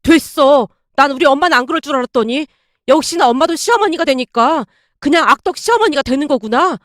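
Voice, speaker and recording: A woman voicing a hot-headed middle-aged son who scolds his mother loudly and fast. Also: high-pitched, expressive, no echo, clean studio sound. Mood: angry. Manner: loud, fast, reproachful.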